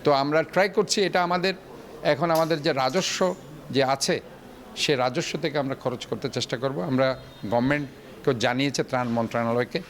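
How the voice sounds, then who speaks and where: A man city official explaining in a quick, explanatory way during a news interview. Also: mid-range voice, steady tone.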